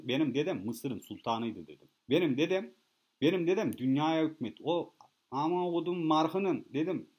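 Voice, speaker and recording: A man telling a rambling, boastful comic story straight to his listeners, swearing freely and repeating himself as he goes. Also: fairly high pitch. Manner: boastful, profane, rambling, addresses listeners as kids. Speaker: comedic monologue host. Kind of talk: casual rambling comic rant.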